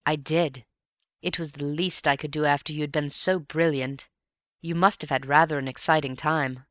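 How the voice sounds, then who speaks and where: A woman reading a calm, clever young man who speaks in a wry, composed way in an audiobook. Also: low voice, normal speed, dry recording, clean studio sound.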